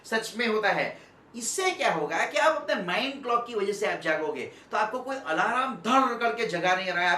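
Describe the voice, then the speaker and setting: Brief: male motivational speaker addressing students, standing and moving around, switches between soft and loud delivery, recorded from a distance in an echoey room. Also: sits high, a little hiss or hum. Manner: keeps checking in with the listener by asking "okay?".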